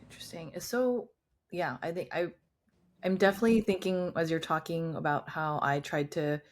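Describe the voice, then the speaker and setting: Speaking in a deep voice at normal speed, a Southern Californian woman hosts a podcast interview. After reading a brief intro, she chats in a friendly manner, leaning heavily on "um" and "like."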